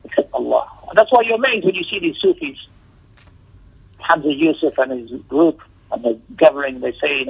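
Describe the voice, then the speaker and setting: A man with a mid-range voice that is both creaky and husky teaches an Islamic lesson, commenting on a text as a religious teacher. His manner is emphatic, marked by repeated phrases, rhetorical questions and shifts into Arabic recitation. It is captured in tinny, narrow, telephone-like audio.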